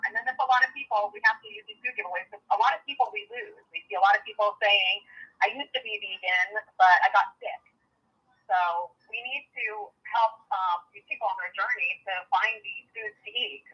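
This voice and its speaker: A woman guest, an activist, chatting casually over a phone on speakerphone and pausing often on fillers. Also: mid-range voice, slightly rough, dull audio. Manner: chatty, halting with many fillers. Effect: heard over a phone on speakerphone. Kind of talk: casual livestream chat.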